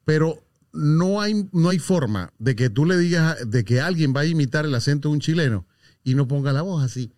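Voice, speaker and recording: A comedian hosts a casual studio chat and playfully tests his co-host. His slightly high voice rises and falls a lot. The sound is close and dry. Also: expressive, moderate pace, a little mellow, no echo. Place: recording studio. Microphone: studio microphone.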